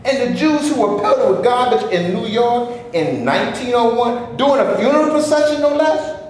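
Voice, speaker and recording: Before a live theater audience, an actor in a staged reading plays a fed-up, impatient man demanding his share, his very high voice expressive at a moderate pace. The mood is heated, his delivery impassioned and indignant, and the recording is echoey with faint background noise.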